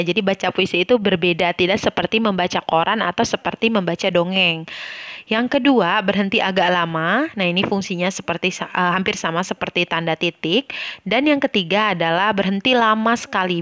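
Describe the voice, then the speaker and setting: A woman teacher from Indonesia explains a lesson to young pupils in a patient, explanatory way. She often stops to correct herself. Her voice sits at an ordinary pitch, recorded close and dry with no room sound. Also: a bit bright, no room sound, dull audio. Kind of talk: online class lesson.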